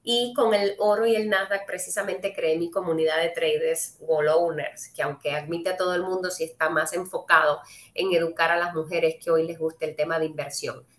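Hosting a live online trading webinar, a Cuban woman with a Cuban Spanish accent greets her viewers warmly and talks straight to them. Her fairly low voice is punctuated by frequent "eh" fillers. Her computer mic picks up a noticeable room echo.

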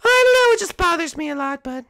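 A man's voice: extremely high pitch, big pitch swings, fast talker, vocal fry, bright, forceful tone, no room sound, clean studio sound, voice pushed up, full character voice. A man voicing an anxious young princess in a game roleplay, girlish and fretful about her boyfriend. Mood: worried.

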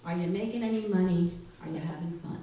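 Speaking fast in a warm, fairly low voice, a middle-aged woman who directs the library and hosts the show gives a wry, hesitant, joking welcome to a live audience. She's in a small library room indoors, recorded from afar in a very echoey space with faint noise.

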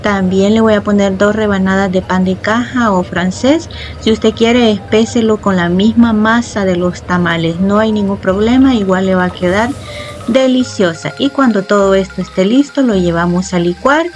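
A woman, the host of a cooking channel, explaining each step of a home recipe calmly and with fond diminutives. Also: mid-range voice, normal speed, faint music behind. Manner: calm, explanatory, uses loving diminutives. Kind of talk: step-by-step cooking tutorial voice-over. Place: home kitchen.

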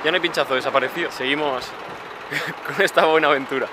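Here a twenty-something man narrates his travels in a rapid, chatty style full of filler words, holding the camera at arm's length. His voice is on the high side and steady in tone, set against noisy surroundings. The outdoor settings include a bridge, city streets and a coastal trail.

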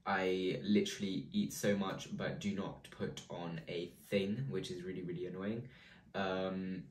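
A man's voice: low-pitched, fairly even intonation, unhurried. A teenage boy, a vlogger, chatting casually with lots of ums and likes. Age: teens. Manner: chatty, filler-heavy, lots of "um" and "like". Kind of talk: casual vlog talk. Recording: echoey room with faint noise.

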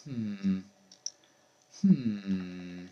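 A young man with a low, mellow voice speaks extremely slowly yet animatedly while streaming a game as a hunter. He chats casually and mutters wryly to himself as he plays, on lo-fi sound with a little hiss or hum.

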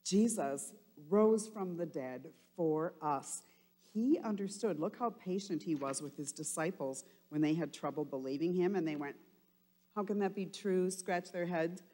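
A woman's voice: low-pitched, unhurried. A woman telling children a Bible story at church, talking to them in an encouraging way. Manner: warm, encouraging talk to young children. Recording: long hall reverb.

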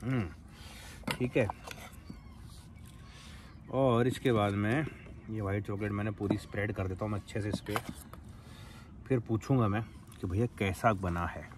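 A man's voice: fairly low pitch, steady tone, normal speed, long pauses, far from the mic. Chatty young man cooking outdoors. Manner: chatty, explains each step as he cooks. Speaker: vlogger cooking at a campsite. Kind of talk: casual cooking chat with friends. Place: outdoors at a farm campsite. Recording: noisy outdoor phone recording.

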